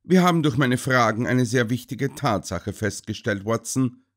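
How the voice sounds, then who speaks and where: A man's voice: medium pitch, animated, moderate pace, lightly acted. A man doing a shrewd thoughtful detective. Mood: explaining.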